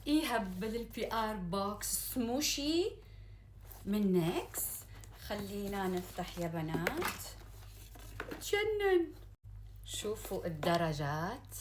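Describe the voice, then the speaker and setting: A woman with a Gulf Arabic accent chatting casually to viewers as a beauty vlogger, gushing and excitable, mixing in English words. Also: fairly low pitch, a little hiss or hum. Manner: excitable, gushing, drawn-out exclamations; sprinkles in English words and phrases. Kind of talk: casual unboxing chat to viewers.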